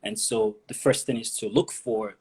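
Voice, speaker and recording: As an interview guest, a Nigerian immigration consultant explains various pathways, repeating words often while he thinks. His voice is lowish, husky and steady, at a normal speed.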